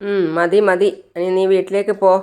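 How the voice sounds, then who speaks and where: A woman's voice: mid-range voice, little pitch movement, moderate pace, smooth, lightly acted. A woman voicing a harsh, scolding old grandmother in a storybook tale. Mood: angry scolding. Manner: sharp, scolding.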